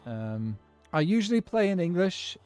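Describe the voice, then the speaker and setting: This young man from Ireland streams a game and talks casually for a long stretch, responding to his chat along the way. He has a high-pitched, sing-song voice that is clear, resonant, and darkish, at a normal speed, with faint background music.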